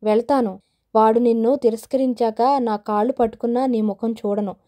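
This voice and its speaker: A woman's voice: a little high, steady tone, moderate pace, warm tone, natural voice. A woman voicing a spurned young man who talks in a pleading, sarcastic way. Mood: bitter.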